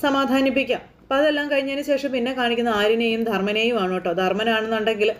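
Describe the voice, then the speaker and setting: A woman's voice: fairly high pitch, fairly even intonation, fast talker. A woman casually retelling a TV serial episode in a chatty, rambling way, adding little "you know" tags. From Kerala. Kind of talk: casual spoken recap of a TV serial.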